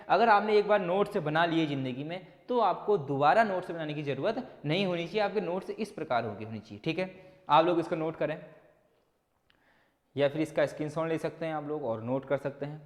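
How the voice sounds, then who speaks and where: A man's voice: on the high side, long reverb tail. A man teaching a maths lesson for exam students, asking questions and answering them himself, with some encouraging pep talk. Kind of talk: whiteboard exam-prep lesson.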